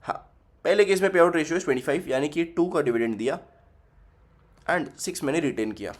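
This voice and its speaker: In a recorded finance lesson, a young male teacher switches between Hindi and English while working the numbers out loud and repeating figures. His voice is a little high, animated and brisk.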